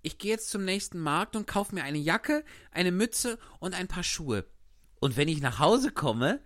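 A woman's voice: lowish voice, animated, unhurried, no echo, clean studio sound, pitched below the performer's own voice. Woman doing eager puppet boy Pinocchio. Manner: breathless, tumbling questions. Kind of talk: live storybook reading.

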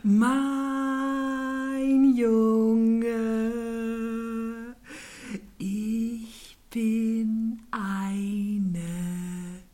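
Very slow, drawling snail. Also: female voice, a little high, little pitch movement, warm tone. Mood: calm drawling. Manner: extremely drawn-out, languid speech with whispered words. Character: slow, calm, unhurried female snail.

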